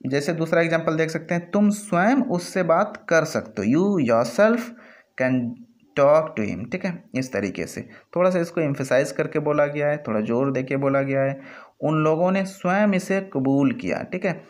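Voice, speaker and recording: A man's voice: on the high side, moderate pace. A man with a Hindi accent teaching an English grammar lesson over slides, explaining step by step and often checking in with his students. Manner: explanatory, repeats "ठीक है" often.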